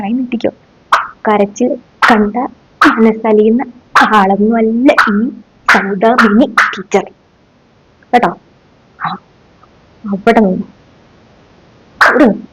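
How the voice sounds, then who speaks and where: A woman's voice: a little high, a little mellow, breathy edge, no room sound. A woman in a comic sketch playing a stern, sarcastic middle-aged female schoolteacher, who scolds her class with mocking rhetorical questions. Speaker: sketch comedian. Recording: dull dry lo-fi recording.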